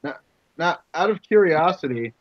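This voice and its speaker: Halting man co-host, dry sound. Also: on the high side, expressive, no echo, highs cut off. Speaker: podcast co-host. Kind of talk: casual podcast chat.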